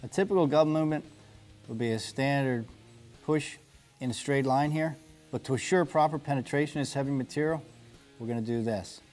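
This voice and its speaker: A man in his forties teaches welding in a practical, step-by-step way. His voice sits at an ordinary middle pitch and he speaks from an indoor workshop on a lapel mic. Faint music plays underneath. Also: fairly quick, a little mellow. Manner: plain, practical step-by-step explaining. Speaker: welding instructor. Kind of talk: instructional demonstration. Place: indoor workshop garage studio.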